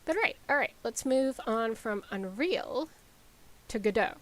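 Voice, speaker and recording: A woman game developer talking casually on a live stream, rambling with lots of ums and likes as she explains software. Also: a little high, expressive, a little slow, rough recording.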